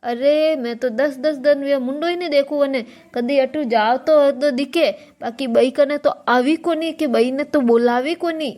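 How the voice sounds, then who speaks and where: A woman's voice: high voice, a little slow, hardly any pauses, a little mellow. A woman voicing a gossiping older mother-in-law in a cartoon comedy, speaking with a Marwari accent and complaining about her family. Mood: gossipy. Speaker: cartoon character.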